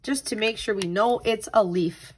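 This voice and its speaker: A woman tutor with a mid-range voice reads a picture book aloud to young children and leads a craft with simple step-by-step instructions. She talks at a normal speed, with slight background noise.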